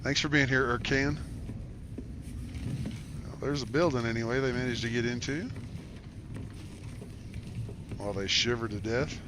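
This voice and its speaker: A man streaming a game, greeting viewers by name in relaxed live-stream chat. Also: medium pitch, measured pace, pauses often. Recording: stream with steady background noise.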